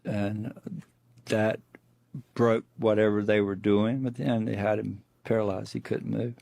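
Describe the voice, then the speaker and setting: A man's voice: on the low side, flat delivery, unhurried, creaky, darkish tone, no room sound. A middle-aged man, a guest on the show, recounting a personal encounter in plainspoken storytelling full of restarts. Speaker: eyewitness guest.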